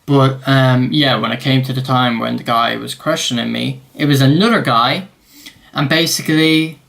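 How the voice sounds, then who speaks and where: Gravelly-voiced young man rambling. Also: mid-range voice, moderate pace, fairly bright tone. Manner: rambling, full of fillers and self-corrections. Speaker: vlogger. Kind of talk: casual storytime.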